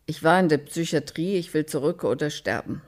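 A reader voicing a withdrawn, despairing woman in a nightgown, spoken quietly and flatly. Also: mid-range voice, fairly quick, close to an everyday voice. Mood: subdued. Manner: quiet, flat, subdued.

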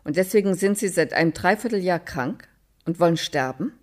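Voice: mid-range voice, animated, a little fast, a little mellow, close to an everyday voice. A reader voicing a blunt, insistent helper who asks short, commanding questions. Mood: terse. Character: blunt, insistent social helper named Blond.

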